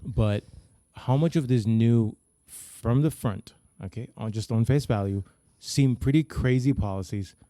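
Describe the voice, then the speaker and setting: A man co-hosting a podcast in casual chat, asking questions with halting restarts. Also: medium pitch, dark tone, no room sound, clean studio sound. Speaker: podcast co-host.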